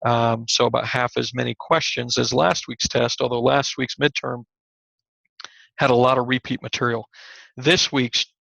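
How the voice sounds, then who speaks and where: A man teaching a recorded online class, slightly hoarse and scratchy, talking in a conversational way with many fillers and restarts. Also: medium pitch, steady tone, moderate pace, sharp tone, no room sound, lo-fi sound. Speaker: college instructor.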